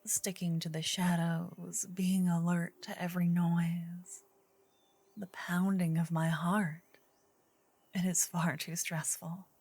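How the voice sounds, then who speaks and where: A woman playing a gentle, earnest druid in an ASMR role-play, her soft female voice slipping between breathy soft voice and low murmur. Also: little pitch movement, dry recording, heavily acted. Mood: weary, anxious. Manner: slow, gentle, intimate female voice with pauses. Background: soft medieval ambience and music.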